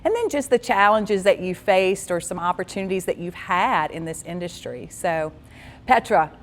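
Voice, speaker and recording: A woman's voice: on the low side, lively intonation, moderate pace. A woman hosting an industry panel interview in a gracious, thankful way.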